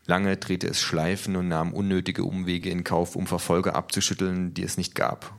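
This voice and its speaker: A man narrates a story in a deep, low voice. His delivery is calm, measured and scripted, steady as a storyteller. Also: creaky.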